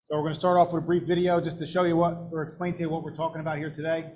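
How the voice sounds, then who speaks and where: Racing through a plain-spoken talk to a school board, a New Jersey police sergeant speaks into a handheld mic in a meeting room, punctuating points with "okay?". He has a fairly high, slightly mellow voice and flat delivery, with slight background noise.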